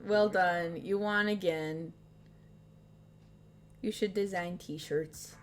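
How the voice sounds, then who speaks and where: A woman's voice: fairly low pitch, fairly even intonation, very slow. Easygoing woman streamer over music. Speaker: streamer and host. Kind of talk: casual livestream chat while playing party games. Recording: music playing behind the voice.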